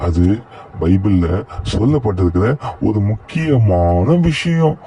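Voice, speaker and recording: A man voicing a calm, wise boy puppet who talks in a gentle, reassuring and somewhat preachy way, in a puppet show. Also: fairly low pitch, takes it slowly.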